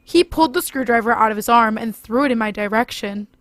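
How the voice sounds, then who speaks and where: A woman's voice: on the high side, fast, fairly bright tone, dry recording. Woman narrating a horror story.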